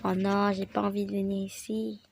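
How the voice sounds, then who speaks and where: A woman's voice: medium pitch, little pitch movement, moderate pace, creaky, background noise. A woman with the flu giving a chatty, rambling game tutorial and speaking straight to her viewers. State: sick with the flu, voice affected. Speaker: gaming channel host. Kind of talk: casual game tutorial narration.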